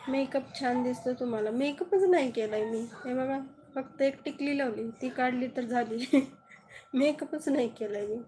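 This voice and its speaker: A woman's voice: high voice, moderate pace, dark tone, slight background noise, poor audio. A woman from southern Maharashtra, chatting casually on a phone live stream and answering viewers one by one with frequent laughs. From Kolhapur, Maharashtra.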